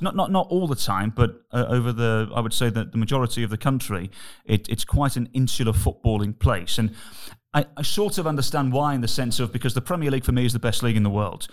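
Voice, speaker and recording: A man with an English accent and a croaky, hoarse, frog-in-the-throat voice, talking casually as a football podcast host. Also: fairly low pitch. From England. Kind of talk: casual sports podcast talk.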